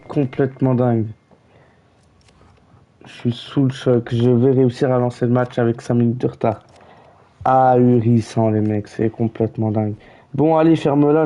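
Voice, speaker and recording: A man's voice: medium pitch, dark tone, poor audio. A man streaming a football video game, chatting with friends in slangy, teasing, mock-outraged asides and calling the match like a mock commentator.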